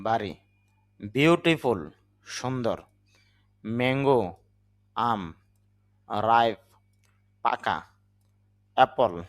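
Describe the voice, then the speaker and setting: A man with a Bangladeshi accent, a native Bengali speaker, giving a patient spoken English lesson and spelling words out letter by letter. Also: mid-range voice. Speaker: English teacher.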